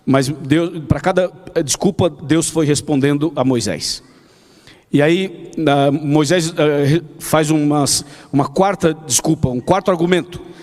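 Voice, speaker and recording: Brief: pastor, chatty storytelling sermon full of rhetorical questions, slightly high voice, long hall reverb. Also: male voice, measured pace, darkish tone. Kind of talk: evening prayer sermon.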